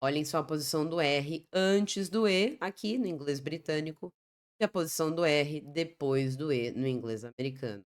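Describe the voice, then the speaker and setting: Professora de voz grave explicando inglês. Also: female voice, deep voice. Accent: Brazilian Portuguese. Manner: explanatory, repeats example words slowly. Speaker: English teacher. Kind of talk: Portuguese-language English lesson.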